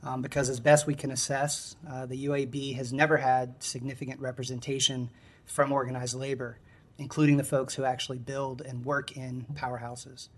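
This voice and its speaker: A man giving a measured, formal podium speech with prepared remarks at a public meeting. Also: mid-range voice, flat delivery. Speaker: applicant, union member.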